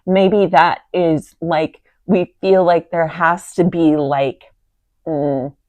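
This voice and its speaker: A woman co-hosting a casual conversation, wry and animated, often pausing to search for words. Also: lowish voice, dry recording. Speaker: co-host.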